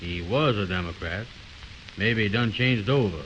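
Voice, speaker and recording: A male actor plays a pompous, muddle-headed know-it-all in a 1920s radio comedy, blustering out his opinions in folksy, ungrammatical speech with a low but fairly bright, natural voice. He sounds mulling, talking at a moderate pace. The old recording is dull with faint hiss.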